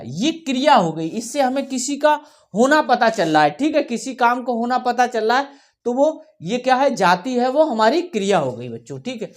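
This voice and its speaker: A woman teaching a children's workbook lesson, reading words slowly and repeating them for the class to follow, often checking in as she goes. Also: fairly high pitch. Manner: slow, repeats words for children to read along; checks in often with "theek hai". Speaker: primary school teacher.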